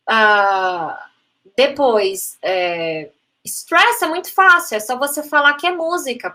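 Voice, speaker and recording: Speaking in a high, pushed, bright voice, this Brazilian Portuguese-accented teacher gives a live online phonetics talk in response to chat questions. She's chatty, drops in English terms, and says "né?" a lot.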